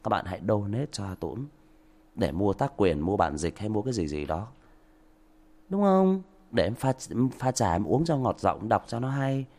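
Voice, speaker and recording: A man's voice: fairly low pitch, big pitch swings, normal speed, warm tone. A man, hosting a livestream and lecturing a rude commenter with mock politeness and emphatic rhetorical questions. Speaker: audiobook livestream host.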